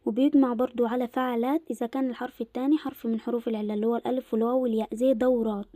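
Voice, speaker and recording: Young Egyptian woman, teacher, mellow voice, dry close mic, slows on key words. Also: a little high, fairly even intonation, no echo. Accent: Egyptian Arabic. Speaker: Arabic language teacher. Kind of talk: casual explanatory lesson.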